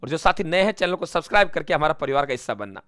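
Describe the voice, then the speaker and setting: A man teaching a lesson through a memory story, lively and repeating lines for recall. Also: a little high, racing, dry recording, studio quality. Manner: lively, addresses students as friends, repeats for memory.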